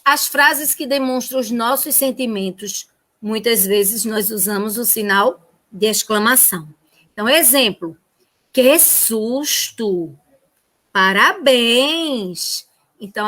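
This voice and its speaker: A woman's voice: mid-range voice, measured pace, fairly bright tone. A Brazilian woman teacher giving a remote lesson to first graders in a sing-song, child-directed way. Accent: Brazilian Portuguese.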